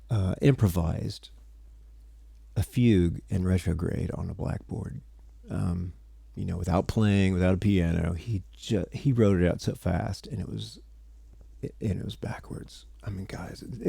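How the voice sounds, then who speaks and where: Tired gravelly man teaching music theory. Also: deep voice, dark tone, no room sound. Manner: rambling, self-interrupting, chatty with viewers. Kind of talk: casual livestream lesson.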